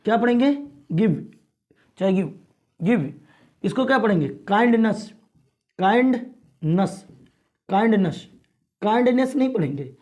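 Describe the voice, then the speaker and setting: Speaking at a measured pace with long pauses, this high-pitched, animated man has a darkish tone. He's a teacher running pronunciation drills, saying every word again, repeatedly asking how it's read, and clearing his throat often.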